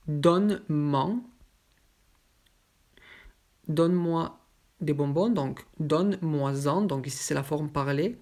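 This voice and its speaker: A French language teacher explains grammar slowly and evenly, in a mid-pitched voice. Each example form is spelled out with care before the rule behind it. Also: darkish tone. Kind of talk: scripted grammar lesson.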